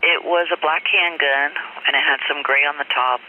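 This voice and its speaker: A man, a police dispatcher, calling out units over a police radio transmission in flat, businesslike dispatch style. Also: a little high, moderate pace. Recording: tinny radio with static hiss.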